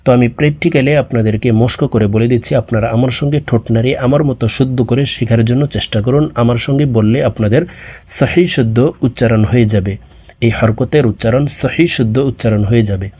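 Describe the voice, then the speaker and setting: A man teaching Quran letter pronunciation, slowly sounding out each letter for viewers to repeat. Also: medium pitch, mellow. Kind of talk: slow drilled pronunciation lesson.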